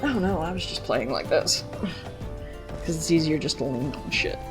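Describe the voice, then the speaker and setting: A woman's voice: deep voice, animated, normal speed, over music. Woman muttering over a game stream. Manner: casual, swearing, quiet muttering. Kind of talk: casual gameplay commentary.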